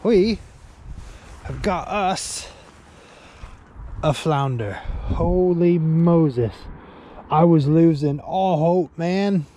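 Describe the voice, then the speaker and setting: A man's voice: fairly high pitch, extremely slow, pauses often, poor audio. A man in his forties, vlogging casually on an outdoor riverbank to an action camera, laid-back and saying "man" and "dude" a lot. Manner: laid-back, says "man" and "dude" a lot, excitable when he lands a fish. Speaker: angling vlogger. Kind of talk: casual fishing vlog. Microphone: action camera held close or set nearby. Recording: outdoor wind and ambient noise.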